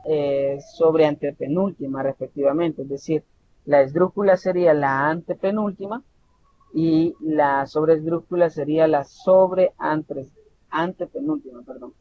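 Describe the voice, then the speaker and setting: Man, online tutor, slightly high voice, explanatory, restarts words, dull lo-fi audio. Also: a little slow. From El Salvador. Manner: explanatory, repeats and restarts words, says "¿verdad?" often. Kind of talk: online lesson lecture. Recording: dull lo-fi audio with faint rumble.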